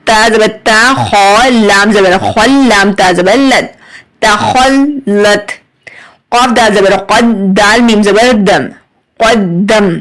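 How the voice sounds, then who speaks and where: A woman with an Urdu accent teaches Quran reading in a slow, syllable-by-syllable recitation lesson, her mid-range voice captured on a rough recording. She spells out letters and vowel marks, then blends them into words.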